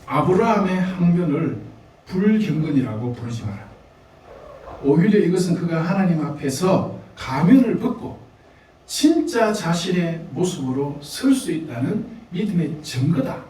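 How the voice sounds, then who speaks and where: A man's voice: a little high, big pitch swings, a little slow, dark tone, heavy reverb, recorded from a distance, slight background noise, rough recording. A man with a Gyeongsang Korean accent preaching a sermon, talking conversationally to the congregation with laughs and asides. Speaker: pastor. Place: church sanctuary.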